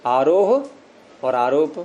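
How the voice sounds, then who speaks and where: A man's voice: a little high, very animated, extremely slow, dark tone, dull audio, slight background noise. A man teaching Sanskrit grammar to a class of students, explaining each rule step by step and quizzing them as he goes. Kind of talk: classroom lecture.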